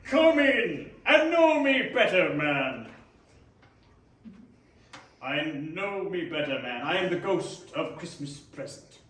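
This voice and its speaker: Giant festive ghost for staged reading, male actor: booming, jovial, very animated, heard in a roomy echo. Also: takes it slowly, heavily acted. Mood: commanding, jovial. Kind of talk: readers theater performance. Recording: echoey room, distant mic, faint noise.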